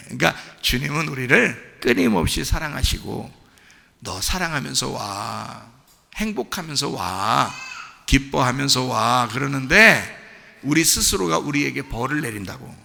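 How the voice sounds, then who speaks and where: A male pastor preaching a sermon in a church, emphatic, swinging between shouting and soft asides. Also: a little high, gravelly, in a large hall.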